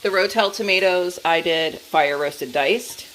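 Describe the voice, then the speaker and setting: A woman's voice: on the low side, unhurried, fairly bright tone, slight background noise, poor audio. A woman vlogging about her food in a casual, chatty way, often breaking into informal asides and interrupting herself. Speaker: vlogger sharing meals and recipes. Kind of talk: casual cook-with-me vlog chat.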